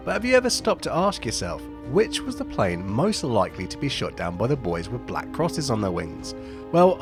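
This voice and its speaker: A man narrating an aviation history video as a scripted voice-over, with wry, jokey asides between the statistics. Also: mid-range voice.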